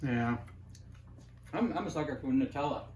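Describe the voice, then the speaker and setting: A man's voice: mid-range voice, expressive, moderate pace, darkish tone, echoey room, a little hiss or hum. A man hosting a casual home cooking show, chatting about breakfast toast with a playful, joking manner. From Midwest US. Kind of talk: casual food show chat.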